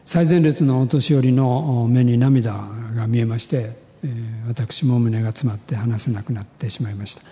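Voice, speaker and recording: Male pastor, earnest sermon testimony, mellow tone, reverberant hall. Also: mid-range voice. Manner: earnest, measured storytelling with rising emotional emphasis.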